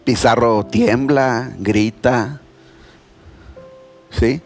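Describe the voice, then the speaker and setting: A man, preaching a sermon in a church in a conversational, animated storytelling way. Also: medium pitch, drawn-out words, faint music behind. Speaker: pastor.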